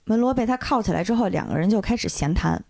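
Animated woman host retelling a film. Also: medium pitch, fast talker, no room sound, studio quality. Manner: animated storytelling, briefly acting out characters' lines. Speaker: podcast host. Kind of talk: casual chat, retelling a film plot.

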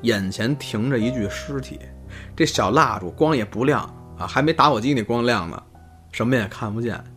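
A man hosting a storytelling podcast, narrating in a lively, chatty way with asides to his co-host. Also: medium pitch, normal speed, soft background music.

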